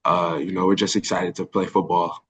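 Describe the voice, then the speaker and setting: A man's voice: sits low, little pitch movement, normal speed. A young man in his early twenties from Birmingham, Alabama, answering press questions over a video call in an earnest way, with many fillers and restarts. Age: early 20s. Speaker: college football linebacker.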